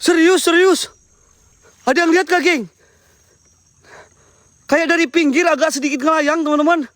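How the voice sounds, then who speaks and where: A man's voice: extremely high pitch, steady tone, normal speed, fairly bright tone, no echo. A man hosting a night ghost-hunting vlog outdoors, nervously addressing viewers and repeating himself. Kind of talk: excited live night exploration commentary. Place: outdoors at night in a rural area.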